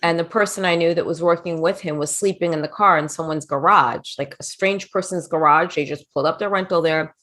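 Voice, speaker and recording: A woman's voice: lowish voice, brisk, hardly any pauses. Chatty middle-aged woman telling anecdotes. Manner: chatty, animated anecdotes with quoted voices. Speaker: interview guest, former wrestling manager. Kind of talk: casual storytelling interview.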